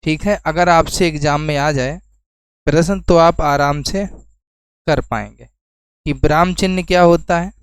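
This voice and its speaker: A man's voice: on the high side, unhurried, clear, resonant tone, no echo, rough recording. Man teaching exam prep, question-and-repeat style. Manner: explains then repeats key terms as questions to students.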